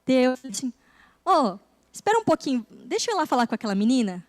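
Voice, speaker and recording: Woman, preacher, high voice, storytelling testimony, hushed quoted dialogue, church service. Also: big pitch swings, quick pace. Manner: storytelling, acting out dialogue softly. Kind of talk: sermon testimony.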